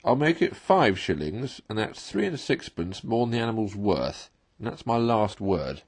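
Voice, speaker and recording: Guy doing a gruff-mannered horse trader from a storybook, blunt and firm, kinda husky. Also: on the low side, very animated, normal speed, darkish tone. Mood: firm, bargaining. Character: blunt, grumbling male gipsy horse dealer.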